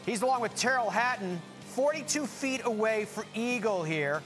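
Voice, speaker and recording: Guy doing golf commentator highlights, high voice, short punchy presenter lines, music going behind him. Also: animated, normal speed, a bit bright.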